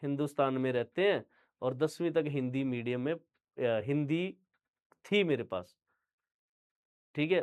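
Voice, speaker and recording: A young man from Punjab whose first language is Punjabi, giving an online general-knowledge lecture to students and checking in with them often. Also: a little high. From Punjab, India. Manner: talks straight to students, repeats "theek hai" often. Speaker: GK teacher.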